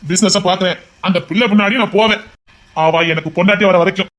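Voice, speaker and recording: A man's voice: sits high, steady tone, fast, fairly bright tone. A man playing a stubborn lovesick son. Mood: stubborn, pleading. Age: 20s. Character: lovesick young adult son refusing an arranged marriage. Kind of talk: amateur audio drama.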